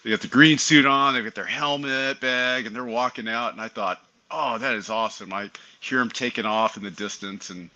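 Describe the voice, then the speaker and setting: Bright-voiced man telling pilot stories. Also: medium pitch, moderate pace, few pauses, low-quality recording. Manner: animated, acts out remembered dialogue. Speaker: airline pilot guest. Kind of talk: casual interview storytelling.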